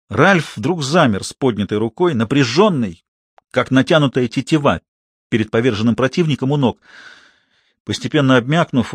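A man reading a novel aloud as an audiobook narrator, steady and measured. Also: medium pitch, breathy edge, no room sound, studio quality.

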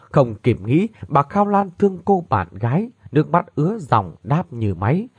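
A man narrating a dramatic story with an expressive, emotional delivery. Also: on the high side, normal speed, slightly rough, no room sound, dull audio.

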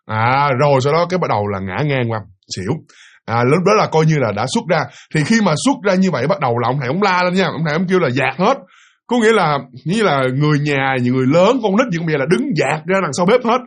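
A man with a Southern Vietnamese accent tells a spooky tale, speaking quickly and animatedly. His voice is husky and swings widely in pitch. He repeats words for effect and keeps addressing his listeners directly. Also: animated. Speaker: storyteller. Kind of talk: spooky storytelling to an audience.

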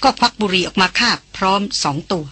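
A woman narrates a novel for an audiobook in a steady, expressive way. Her voice is bright with a husky grain, heard close and dry. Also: medium pitch, quick pace, no room sound.

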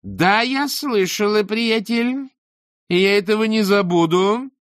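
A man voicing a shrill, pushy female TV show judge who screeches at everyone. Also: wildly swooping pitch, extremely slow, vocal fry, darkish tone, no room sound, clean studio sound, full character voice. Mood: furious. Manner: screechy, brash, aggressive.

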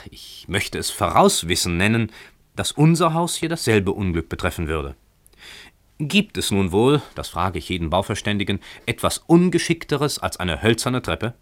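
A man voicing a poor tenant who talks calmly and wryly, defending himself with mock-earnest reasoning in a radio story reading. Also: fairly low pitch. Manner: calm, wry, overly reasonable.

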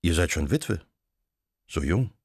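A weathered one-handed soldier, as a male reader puts him on, speaking tersely and wryly. His voice sits very low and gravelly, dropping a little below the narration. The recording is close and dry. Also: lively intonation, takes it slowly, darkish tone, no echo, full character voice. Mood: gentle.

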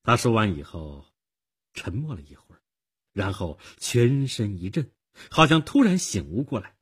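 A man reading a long story aloud for radio in measured, expressive narration with a husky voice. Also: lowish voice.

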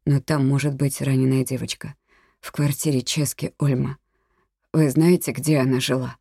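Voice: mid-range voice, little pitch movement, normal speed, vocal fry, dark tone, husky, dry recording, clean studio sound. An audiobook reader voicing a wounded, determined female police officer who speaks urgently and insistently. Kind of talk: audiobook character reading.

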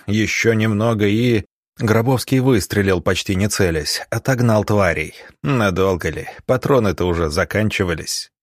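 A man narrating an audiobook with steady, dramatic storytelling. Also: on the low side, dry recording, clean studio sound. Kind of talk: scripted narration.

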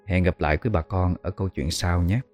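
A man with a Southern Vietnamese accent narrates a ghost story in a very low, dark, mellow voice. He speaks in a measured way, pausing on fillers as he goes. Faint music runs quietly behind him. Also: steady tone. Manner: slow, measured, hesitant with fillers.

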